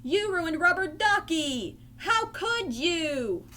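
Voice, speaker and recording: Ernie, a woman doing a loud excitable puppet boy. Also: slow pace, a little hiss or hum, heavily acted. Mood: angry. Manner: high, loud outbursts.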